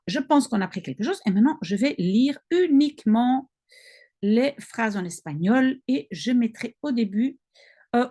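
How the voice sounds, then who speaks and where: A woman with a Belgian French accent, reading practice sentences slowly and carefully, explaining and correcting herself as she goes. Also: a little high, darkish tone. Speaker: language-learning video host. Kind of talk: reading practice dialogue aloud.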